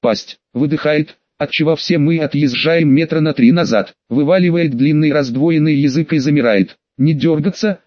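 A man giving first-person audiobook narration at an unhurried storytelling pace. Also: a little high, dry recording, lo-fi sound. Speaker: audiobook reader.

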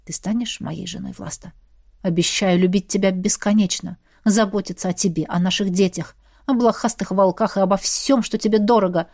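A woman voicing a brooding male warrior who speaks softly and intimately, recorded dry and close. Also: medium pitch, unhurried, gravelly, no room sound. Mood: tender. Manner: soft, hushed, intimate. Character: brooding male warrior lover, low and tender.

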